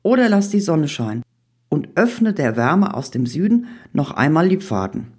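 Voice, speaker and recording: A woman's voice: deep voice, moderate pace, slightly rough, voice pushed up, full character voice. Eager sunny July, a woman reading it. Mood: excited. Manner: eager and excited. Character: excited, sunny male month July.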